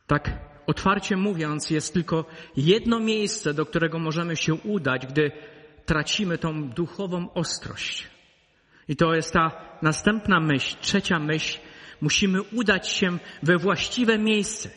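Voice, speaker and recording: A man preaching with a high, bright, ringing voice, and the long reverb of a church hall trails each phrase. His delivery is emphatic: it swells into loud calls, then drops low and close. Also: unhurried. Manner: emphatic preaching that swings between loud peaks and low intimate asides. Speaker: pastor. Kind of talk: sermon.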